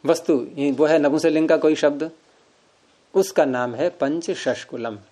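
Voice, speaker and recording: A man's voice: a little high, a little slow, warm tone. Man teaching Sanskrit grammar. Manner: patient, explains with everyday examples and asides. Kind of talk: informal classroom explanation.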